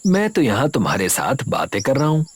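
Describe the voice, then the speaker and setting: A soft-spoken, patient doctor, expressive pitch, cartoon story, music under. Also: male voice, fairly quick, husky. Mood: gentle. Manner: gentle, reasoning, reassuring. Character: kind, patient village doctor. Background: background music.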